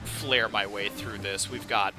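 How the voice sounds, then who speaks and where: A man's voice: lowish voice, fairly even intonation, a little slow. A man casually commenting while he plays a horror game, chatty and prone to startled outbursts. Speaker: streamer playing a horror game. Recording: loud game soundtrack behind the voice. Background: loud game music.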